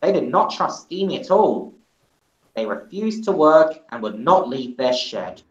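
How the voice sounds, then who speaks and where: A woman reading a story aloud on a livestream, lively and unhurried. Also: deep voice, reverberant, lo-fi sound.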